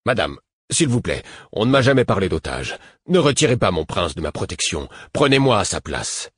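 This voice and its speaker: A man's voice: deep voice, big pitch swings, moderate pace, a bit bright, slightly rough, no echo, studio quality, full character voice. A man voicing a loyal male captain who protects his prince, speaking in a pleading, urgent way.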